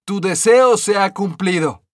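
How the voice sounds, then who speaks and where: A man voicing a kindly female fairy godmother who grants wishes in a raised, bright, solemn voice in a storybook reading. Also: sits high, a little slow, no echo, studio quality, voice pushed up. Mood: solemn granting.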